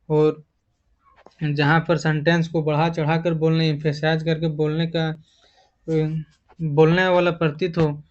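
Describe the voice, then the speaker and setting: A man teaching an English grammar lesson, repeating key terms and explaining slowly and patiently. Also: on the high side, darkish tone, lo-fi sound.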